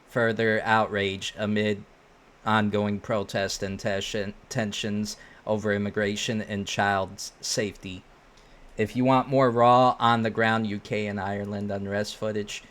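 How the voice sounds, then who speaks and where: Casting: male online commentator, lower register, slangy and opinionated, casually reacting to posts. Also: fairly bright tone.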